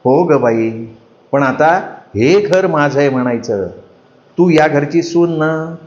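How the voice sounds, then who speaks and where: A male storyteller voicing a kindly, patient village mother-in-law who speaks in a gentle, coaxing way. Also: a little high, slow pace. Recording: roomy, slightly dull recording.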